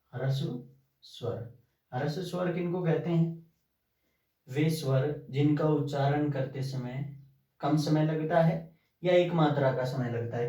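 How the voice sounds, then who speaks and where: A man teaching a class, asking his pupils questions and answering them himself in a drawn-out, repetitive way. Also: fairly high pitch, dark tone. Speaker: Hindi teacher. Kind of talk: classroom lesson. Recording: very echoey room, from far off.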